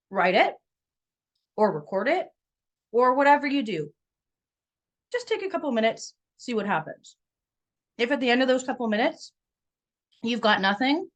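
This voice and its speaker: A woman's voice: on the high side, sing-song, measured pace, pauses often. Playful chatty woman in her thirties. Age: 30s. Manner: chatty, playful, self-mocking. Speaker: writing coach. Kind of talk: casual video lesson.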